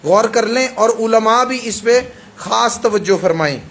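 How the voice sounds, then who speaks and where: This hadith sermon comes from a man with a Pakistani Urdu accent whose high-pitched voice has a slight brightness. His delivery is emphatic and repetitive, and he keeps confirming that the audience is with him.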